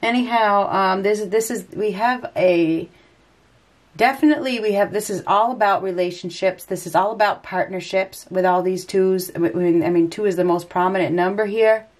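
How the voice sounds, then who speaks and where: A woman reads tarot at a table inside, her mid-range voice moving at a normal speed despite a head cold and stuffy nose. Unscripted, she rambles and hesitates, talking through her thoughts as the cards turn over.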